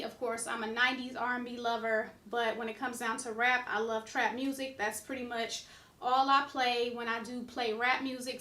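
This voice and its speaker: A chatty middle-aged woman with a high, bright voice talks casually to her viewers, often circling back with little fillers. She sounds like she is in an echoey room. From United States. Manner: chatty, repeats herself with "you know" and "like". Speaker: vlogger. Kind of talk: casual talk to camera.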